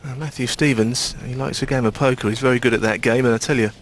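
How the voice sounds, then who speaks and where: A man of medium pitch offers low-key snooker commentary. His remarks are short, hushed and conversational, never rushed. Faint noise and clicking lie behind the voice. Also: steady tone.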